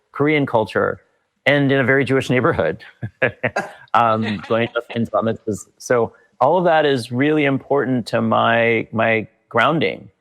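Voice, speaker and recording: A middle-aged leadership consultant, appearing as a guest, is interviewed in a reflective conversation. His mid-range voice is gravelly with a fairly bright tone, and he speaks thoughtfully, with many fillers and restarts.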